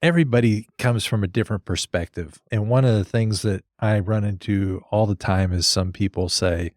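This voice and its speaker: Male podcast host, lowish pitch, casual explainer style, dry close sound. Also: normal speed, no echo. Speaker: podcast host, landscape architect.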